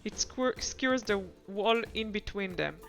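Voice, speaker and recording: Slow-reading woman game streamer. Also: mid-range voice, expressive, vocal fry, soft background music. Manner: slow, amused reading with comic asides.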